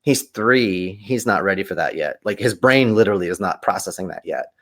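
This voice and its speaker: A man, a podcast guest, telling stories animatedly in conversation and acting out quoted voices with big swings in pitch. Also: lively intonation, brisk, a bit bright. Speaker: podcast guest, kung fu teacher.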